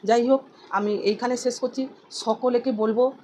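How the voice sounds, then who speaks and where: Woman, devotional speaker; slightly high voice, instructive, repetitive chanting, light background hiss. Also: steady tone, mellow. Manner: instructive, repeats chants and names slowly. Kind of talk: devotional talk to followers.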